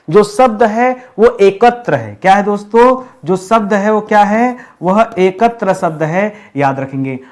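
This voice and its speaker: A high-pitched male teacher gives an exam-prep grammar lesson. He writes and spells each word letter by letter, poses quick questions and answers them himself, and fills the gaps with "okay" as he goes. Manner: spells words letter by letter, asks and answers his own questions; addresses viewers as friends, says "okay" often. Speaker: Hindi teacher.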